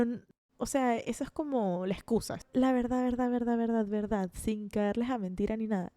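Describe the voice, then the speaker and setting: A woman in her twenties with a Venezuelan Spanish accent hosts a podcast, delivering a casual, chatty monologue that's self-deprecating and full of restarts. Her voice is a little high with a dark tone, and the recording is dry.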